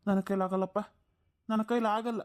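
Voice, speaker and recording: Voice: medium pitch, steady tone, a little fast, close to an everyday voice. A performer doing a whiny, lazy grown son. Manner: whiny, complaining. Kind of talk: cartoon voice acting.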